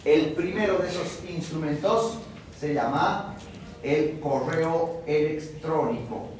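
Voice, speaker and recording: Emphatic lecturer in an echoey classroom. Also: male voice, a little high, slow pace, darkish tone, slight background noise. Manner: colloquial, emphatic, repeats key phrases. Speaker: university lecturer.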